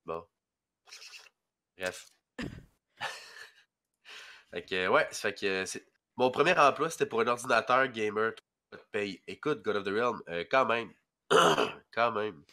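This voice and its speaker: Speaking slowly with long pauses, a young man from rural Quebec sounds animated, his lowish voice pushed and bright. He has a Québécois French accent and a stuffy head cold, and as a podcast guest in casual chat he rambles and hesitates, leaning on many fillers.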